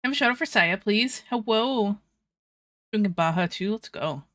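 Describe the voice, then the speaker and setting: A woman's voice: medium pitch, lively intonation, normal speed, fairly bright tone, no room sound, clean studio sound. A young woman streaming, chatting casually with viewers while eating, laughing often and swearing freely.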